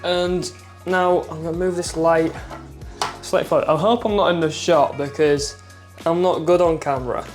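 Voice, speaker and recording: A man's voice: on the high side, steady tone, normal speed, soft background music. Chatty self-deprecating man. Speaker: aquarium hobby vlogger. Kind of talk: casual chatty tutorial vlog. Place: indoors at home by his fish tanks. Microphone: clip-on mic, then phone mic.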